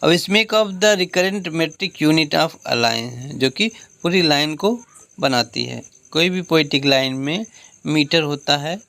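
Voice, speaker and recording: Slow, gravelly male teacher. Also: a little high, animated, fairly bright tone, dry recording. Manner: explains slowly, repeats points, reads English lines then explains in Hindi. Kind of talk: exam revision lecture.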